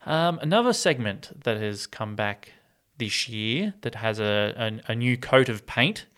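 Clear-voiced Australian man hosting sports chat. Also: medium pitch, sing-song, measured pace, fairly bright tone. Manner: matey, colloquial. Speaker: host of a rugby league show.

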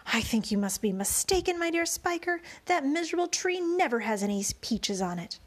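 A woman's voice: high voice, very animated, moderate pace, pitched above the performer's own voice. A woman doing a greedy, gossipy aunt. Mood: scheming. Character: greedy fat pulpy middle-aged aunt.

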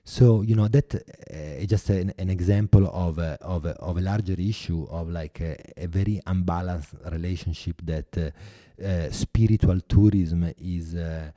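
A man with an Italian accent, a filmmaker and activist giving earnest, halting interview answers full of restarts. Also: low voice, mellow, dry recording, clean studio sound. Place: New York.

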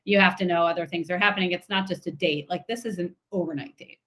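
A woman's voice: on the low side, quick pace. A woman co-hosting a podcast, chatting casually and opinionatedly as she recaps a TV episode. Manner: chatty, opinionated, animated retelling. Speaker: podcast co-host.

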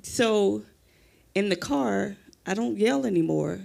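A woman in the congregation asking the pastor a question, hesitant and halting, poking fun at herself. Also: medium pitch, animated, vocal fry, darkish tone. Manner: hesitant, halting, self-deprecating. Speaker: church member asking a question. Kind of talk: casual question from the floor.

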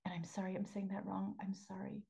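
Woman doing a faith podcast, super breathy husky voice, dips into soft whispers, repeats stuff for emphasis. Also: medium pitch, completely flat delivery, fairly quick, low-quality recording. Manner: earnest, repeats phrases for emphasis, drops into soft half-whisper. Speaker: spiritual coach and podcast host.

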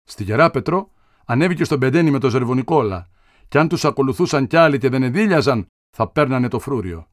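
A man narrating a literary audiobook in a measured, expressive reading style. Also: mid-range voice, dry recording, studio quality.

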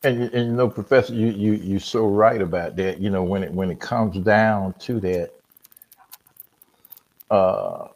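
A man talks through scripture in an unhurried, conversational way, like a teacher. His voice sits low and comes across husky. He pauses often with fillers as he explains. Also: darkish tone. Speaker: podcast host. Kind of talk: casual Bible discussion.

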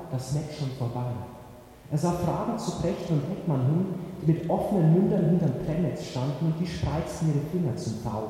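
A man's voice: fairly high pitch, mellow. A man narrating a first-person story for an audiobook in a wry, conversational way. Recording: echoey hall with faint hiss.

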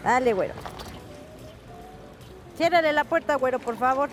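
Woman as a pushy Mexican street vendor, high and brisk, with music under the voice. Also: close to an everyday voice. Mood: hustling. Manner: brisk, coaxing hustle.

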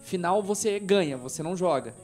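A host steers a casual football debate and puts questions to the panel. The voice sits at a middle pitch. Faint music plays behind. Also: lively intonation, brisk, a little mellow. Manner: leading, putting questions to panelists.

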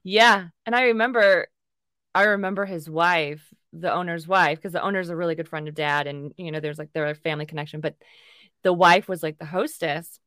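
A woman's voice: fairly low pitch, fairly even intonation, normal speed, fairly bright tone, no echo, studio quality. A woman co-hosting a podcast, chatting loosely and rambling in a giggly casual tone. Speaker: podcast co-host. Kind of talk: casual chat.

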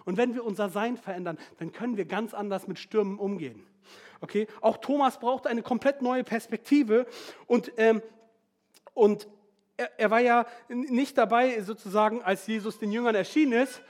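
Male preacher, high voice, slangy and animated, acts out bible scenes, throws in foreign phrases. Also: moderate pace. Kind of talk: lively informal sermon.

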